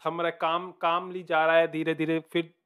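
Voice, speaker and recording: A man's voice: on the high side, monotone, moderate pace, a bit bright, clean tone. A man hosting a music reaction video, chatting casually, mixing Hindi and English, with hesitant fillers and calling the listener bro.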